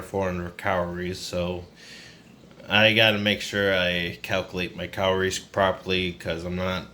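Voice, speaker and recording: A vlogger in his twenties rambles casually through a personal vlog, sounding downcast, burned-out and confiding. His low voice is bright and forceful, and there's noisy ambient sound in the background.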